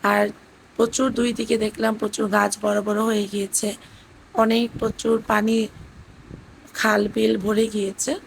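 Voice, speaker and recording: Hoarse woman narrating vlog. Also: mid-range voice, flat delivery, measured pace, long pauses, slight background noise, poor audio. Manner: gentle storytelling with fillers. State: hoarse, voice cracking. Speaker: vlogger narrating family trip. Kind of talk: voice-over narration. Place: indoors at her parents' house.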